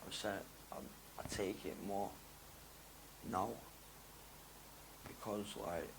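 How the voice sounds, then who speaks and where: A young man with a gravelly, fry-edged voice talks openly as an interview guest. His speech is slangy and rambling, rising to loud excitement and dropping to low mumbles. Faint noise sits underneath. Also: takes it slowly. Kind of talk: candid interview talk.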